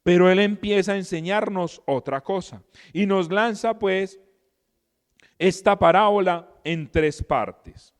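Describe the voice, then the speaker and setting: A middle-aged man explains scripture in a lively, conversational way, checking in with his listeners through constant rhetorical questions. His voice sits slightly high for a man, and a long reverb trails each phrase. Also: slow. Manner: animated, asks the listeners frequent rhetorical questions. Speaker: Bible teacher and podcast host. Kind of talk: conversational Bible teaching.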